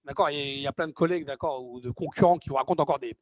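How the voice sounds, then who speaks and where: A man's voice: fairly high pitch, rapid-fire, no room sound, dull audio. A man giving a live motivational talk to an audience, emphatic and repetitive, with many fillers. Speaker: motivational speaker.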